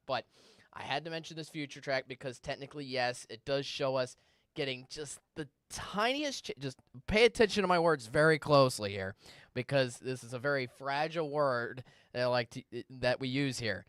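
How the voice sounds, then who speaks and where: A man giving a TV weather forecast in a conversational, energetic way, stressing key words. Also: medium pitch, dry recording, studio quality. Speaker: TV meteorologist. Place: TV studio.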